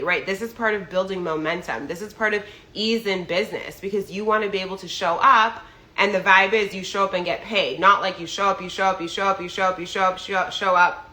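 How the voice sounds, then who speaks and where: Still slightly nasal from a recovering cold, the New York business coach talks to her followers in a mid-range voice that's pushed and bright, with reverberation around it. She rambles chattily, leaning on fillers like "like" and often tossing in "right?".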